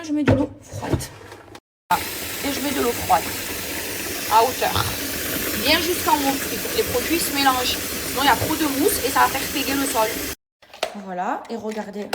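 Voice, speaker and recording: Heavy background noise and household clatter surround this slightly high female voice, recorded from a distant mic. She is a lifestyle vlogger doing chores and chatting emphatically to followers she calls girls, in a casual, slangy way.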